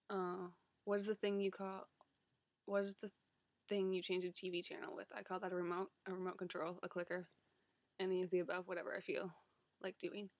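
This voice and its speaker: Creaky-voiced young Canadian woman, chatting casually. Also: mid-range voice, no echo. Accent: Canadian, Ontario. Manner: hesitant, rambling with asides. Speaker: vlogger, website story editor. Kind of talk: casual chat to camera.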